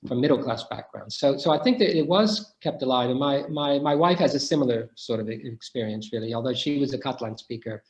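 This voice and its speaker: A middle-aged guest speaker with a mid-range voice answers questions in an academic Q&A, talking fairly quickly with hardly any pauses. He's thoughtful and hesitant, restarting often, and the lo-fi recording has a roomy echo.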